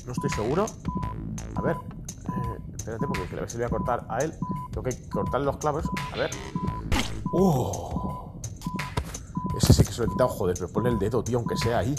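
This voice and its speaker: Male gaming host; very animated, loud outbursts, music bed. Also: on the high side. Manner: loud bursts of shouting and laughter between mumbled asides. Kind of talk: excitable gameplay commentary. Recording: music playing behind.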